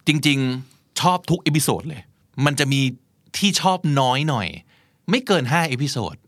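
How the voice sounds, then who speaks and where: A man in his thirties hosting a podcast in a relaxed, storytelling way that slips into easy laughter. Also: on the high side, moderate pace, no room sound, studio quality. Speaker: podcast host. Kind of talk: casual podcast chat.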